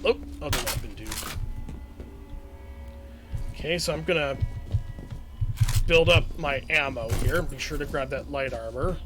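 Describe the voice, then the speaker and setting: A man's voice: mid-range voice, measured pace, pauses often, over music. A man giving casual, chatty let's-play commentary as he plays through a shooter game, often chuckling at it. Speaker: gaming channel host.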